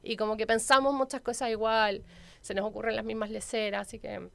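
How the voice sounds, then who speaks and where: A woman's voice: on the high side, flat delivery, a little fast, gravelly, no echo. A woman in her forties from Venezuela with a Chilean accent, chatting as a guest and telling personal stories. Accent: Chilean Spanish. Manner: warm storytelling, chatty. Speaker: guest, local councilwoman. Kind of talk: casual interview chat.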